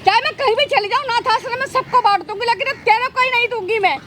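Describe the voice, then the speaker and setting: A woman's voice: extremely high pitch, quick pace, pushed and bright, a little hiss or hum. A woman playing a stubborn, indignant elderly mother-in-law who scolds her daughter-in-law in a staged family quarrel skit. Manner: scolding, reproachful.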